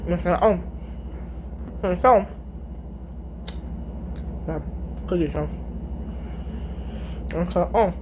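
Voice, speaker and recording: Middle-aged woman, low voice, blunt and foul-mouthed, casual retelling with faint background noise. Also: takes it slowly, pauses often, dull audio. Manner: chatty, retells conversations with many "I said, she goes"; blunt, swears freely. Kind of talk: casual storytelling.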